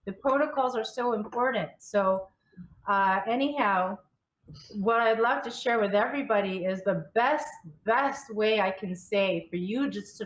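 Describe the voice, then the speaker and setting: A woman's voice: mid-range voice, poor audio. Candid woman telling her spiritual story. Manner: candid, repeats and restarts words, often laughs. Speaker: spiritual coach and channeler guest. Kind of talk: personal storytelling in an interview.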